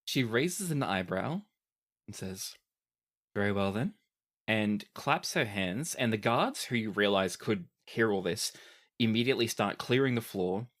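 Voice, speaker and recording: A man's voice: lowish voice, lively intonation, a little slow, fairly bright tone. A man narrating a tabletop game as game master, in descriptive storytelling language.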